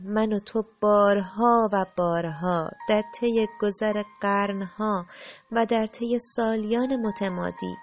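A woman voicing a gentle loving spirit. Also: mid-range voice, gravelly, lightly acted. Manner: calm, tender, unhurried, softening to a hush. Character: gentle, loving spirit who agrees to play the wrongdoer.

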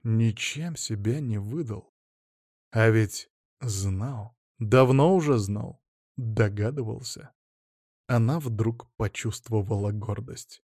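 A man reading a novel aloud as an audiobook narrator, measured and expressive. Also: fairly low pitch, no room sound, studio quality. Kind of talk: scripted narration.

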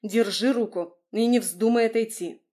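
A woman voicing a sharp-tongued young woman in labor who gasps and hisses through the pain. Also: on the high side, moderate pace, close to an everyday voice. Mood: angry. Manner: gasping, hissing through pain.

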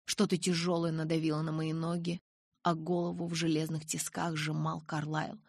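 Woman reading a novel aloud, husky gravelly voice, dry close mic. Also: sits low, flat delivery, moderate pace, a little mellow, no room sound. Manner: dramatic, intense reading. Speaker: audiobook reader. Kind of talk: scripted narration.

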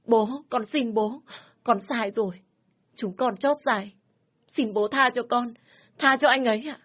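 A woman's voice: on the high side, unhurried, highs cut off, pitched above the performer's own voice. A woman voicing a frightened young daughter who cries and begs for forgiveness. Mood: tearful pleading. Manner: begging, apologetic. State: crying.

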